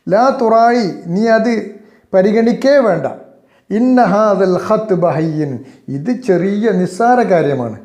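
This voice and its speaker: A male teacher reading a poem line by line, slow on each verse and quick when he explains it. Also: sits high, darkish tone, echoey room. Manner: reads verses slowly, then explains in quick bursts.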